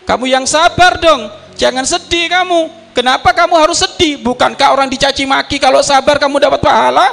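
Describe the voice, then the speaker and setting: Preacher guy doing a high scolding wife voice, kinda gravelly, long hall echo. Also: fairly even intonation, fairly quick, a bit bright, heavily acted. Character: woman, a scholar's wife, scolding and puzzled.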